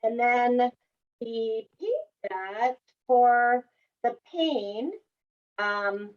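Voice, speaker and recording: A woman host who speaks slowly and patiently, explaining each step with reassurance. Her voice sits a little high. The recording sounds dull and lo-fi. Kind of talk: casual explanatory chat.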